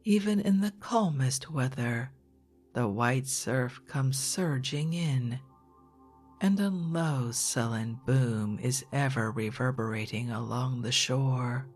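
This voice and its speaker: A narrator gives a quiet ASMR reading at a very slow, measured pace. The voice is soft and hushed, often slipping toward a whisper, with a calming delivery. Music plays behind it. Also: medium pitch. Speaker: narrator, reader. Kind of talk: ASMR quiet reading of an old geology book, scripted narration.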